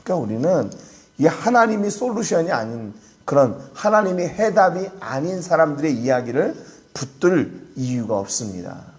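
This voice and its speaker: A man, a pastor, preaching an early-morning prayer sermon in an earnest way, sometimes acting out scoffers' voices and dropping to a soft hush for emphasis. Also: fairly high pitch, very animated, normal speed.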